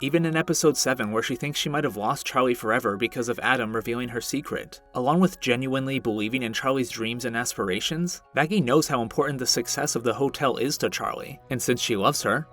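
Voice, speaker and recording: A man's voice: medium pitch, fast, hardly any pauses, a bit bright, faint music behind. Earnest male video essayist. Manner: earnest, reflective and self-deprecating. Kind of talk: scripted commentary.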